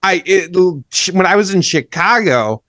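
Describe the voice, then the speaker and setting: A man's voice: sits high, lively intonation, unhurried, sharp tone, no room sound, studio quality. A man from Minnesota hosting a podcast, chatting in an easygoing, self-deprecating way. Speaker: podcast host. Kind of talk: casual chat.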